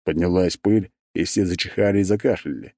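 Male audiobook narrator, low dark voice, lively delivery, dry close sound. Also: fairly quick, dry recording. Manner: expressive storytelling. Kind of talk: scripted narration.

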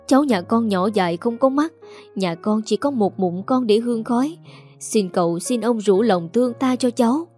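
A woman's voice: fairly high pitch, moderate pace, a little mellow, husky, faint music behind. A woman voicing a desperate peasant mother who wails and begs for her son, in a Southern Vietnamese accent. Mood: pleading. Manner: wailing, begging.

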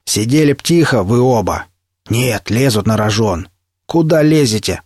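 A man voicing a menacing mercenary stalker with a slow, taunting drawl in an audiobook reading. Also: medium pitch, animated, darkish tone, breathy edge, no echo, studio quality. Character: menacing male mercenary stalker, sneering and cruel.

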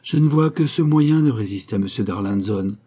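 A man's voice: lowish voice, expressive, warm tone, slightly rough. A man reading as a firm, earnest noble mother. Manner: measured, earnest persuasion. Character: devoted aristocratic mother, middle-aged woman, calm and firm.

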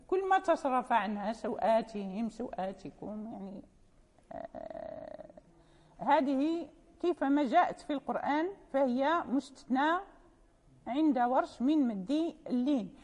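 A woman lectures on recitation rules in an expressive, high-pitched, somewhat mellow voice at a measured pace. Patiently explaining, she repeats key terms and confirms her students understand, while long hall reverb fills the classroom recording.

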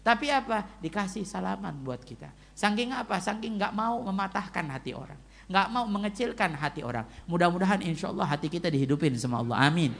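A man's voice: high-pitched, brisk, gravelly, a little hiss or hum. A male preacher giving a casual, joking sermon and telling stories vividly, acting out the people in them. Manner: animated storytelling, acting out the people in the story.

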